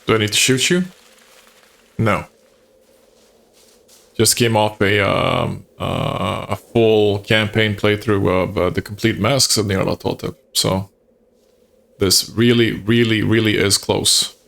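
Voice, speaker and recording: A man's voice: fairly low pitch, fairly even intonation, takes it slowly, vocal fry, long pauses, fairly bright tone. A man streaming a horror game, talking casually and enthusiastically to his viewers with chuckles. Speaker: gaming streamer. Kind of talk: casual gameplay commentary.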